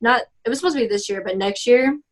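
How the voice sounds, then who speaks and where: Talking fast in a fairly high voice, this young Texas woman in her twenties responds casually to oral history questions, her answers peppered with "like," "um," and false starts.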